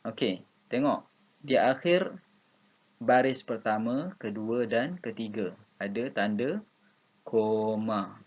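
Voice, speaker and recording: A man's voice: on the low side, slow, long pauses. A Malaysian man teaching an online primary school class, patiently repeating instructions. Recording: dull lo-fi recording.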